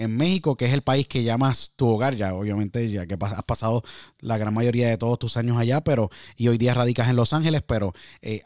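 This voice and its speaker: A man's voice: mid-range voice, a little mellow, dry recording, clean studio sound. A man hosting a podcast interview, asking long, enthusiastic questions full of fillers. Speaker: podcast host.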